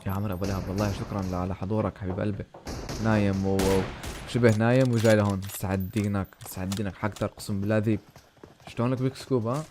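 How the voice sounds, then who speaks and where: A man commentating his own game on a live stream, excitable, shouting at big plays and thanking donors warmly. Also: lowish voice, very fast, background noise. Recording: game gunfire and music behind.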